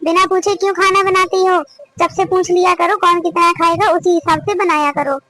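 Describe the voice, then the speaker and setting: A woman's voice: extremely high pitch, steady tone, normal speed, bright, forceful tone, no room sound. A woman voicing a harsh scolding cartoon mother-in-law. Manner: scolding, commanding. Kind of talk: cartoon family drama voice acting.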